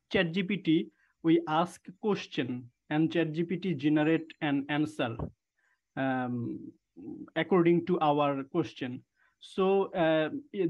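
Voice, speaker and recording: A male student on a conference call gives a hesitant, polite course review full of filler sounds. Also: a little high. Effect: conference call audio. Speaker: student in a coding bootcamp. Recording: dull lo-fi call line.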